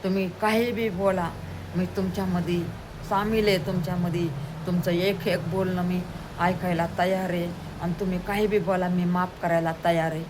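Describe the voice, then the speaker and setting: A woman voicing a kind, humble rich man in a told story, speaking gently and reassuringly. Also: lowish voice, level tone, moderate pace, background noise, natural voice.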